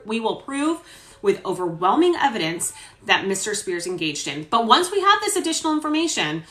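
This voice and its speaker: A woman voicing a male attorney making a formal, measured courtroom argument, as a dramatic reading of a court transcript. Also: mid-range voice, a bit bright. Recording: roomy echo.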